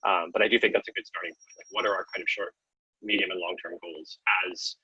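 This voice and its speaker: A man's voice: low-pitched, steady tone, quick pace, sharp tone, breathy edge, dry recording. A man in a casual video-call meeting, talking with many fillers while he eats breakfast. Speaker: working group participant. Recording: dull lo-fi call audio.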